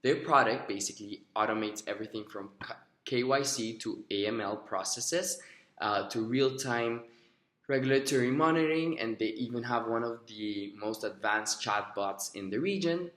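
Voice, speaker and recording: A man's voice: medium pitch, moderate pace, a bit bright, reverberant. Earnest young man from Rica. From Costa Rica. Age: young adult. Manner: earnest, rehearsed, with fillers. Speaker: job applicant. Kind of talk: recorded video interview answers. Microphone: recorded himself on video.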